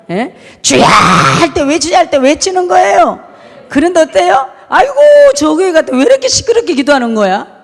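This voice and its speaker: A woman pastor preaches in a lively, sing-song voice that rides high above most speakers. She jumps from shouts down to quiet, murmured asides, constantly questioning her congregation. The long tail of a big, reverberant church hall follows every phrase. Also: vocal fry. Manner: swings between shouting and near-murmur. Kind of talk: sermon. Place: church sanctuary.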